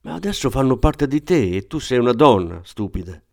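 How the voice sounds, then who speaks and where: A man's voice: mid-range voice, very animated, fairly quick, vocal fry, dry recording, clean studio sound, pitched above the performer's own voice. A man reading an audiobook, voicing a domineering older sister with a raised, commanding voice. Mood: bossy.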